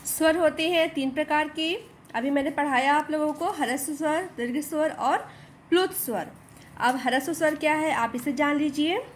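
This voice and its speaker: A woman teacher explaining a lesson slowly and repetitively, asking the class rhetorical questions. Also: high-pitched, slight background noise.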